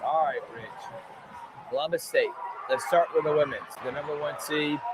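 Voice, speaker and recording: A man's voice: on the high side, moderate pace. A man hosting a sports show with conversational commentary, leaning emphatically on key words. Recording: very noisy outdoor ambience.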